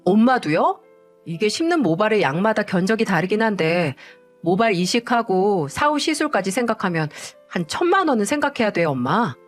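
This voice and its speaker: A woman's voice: mid-range voice, very animated, moderate pace, soft background music, natural voice. A woman voicing a middle-aged husband who gets flustered and whines. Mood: calm explaining.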